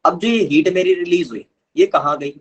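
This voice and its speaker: A man's voice: a little high, moderate pace, husky, dull audio. A man teaching a live online chemistry lesson, patiently explaining step by step and calling his students kids.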